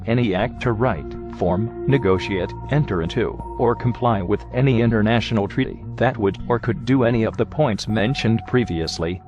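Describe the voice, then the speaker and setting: A man with a disguised, artificially deepened voice reads out a formal warning statement in a stern, measured, legalistic manner. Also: muffled recording. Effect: disguised, digitally deepened voice. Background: music.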